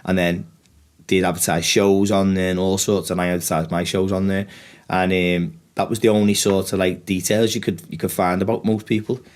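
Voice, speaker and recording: Low-voiced northern English man, swearing freely. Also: normal speed. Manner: animated storyteller, acts out exchanges, swears freely. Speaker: podcast guest, former fighter and trainer. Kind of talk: casual podcast chat.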